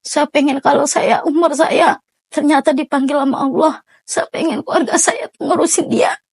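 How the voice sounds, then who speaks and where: Emotional high-voiced middle-aged woman. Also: fairly even intonation, no echo. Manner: halting, emotional telling with many restarts. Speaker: interviewee, mother of a sick child. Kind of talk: emotional personal testimony.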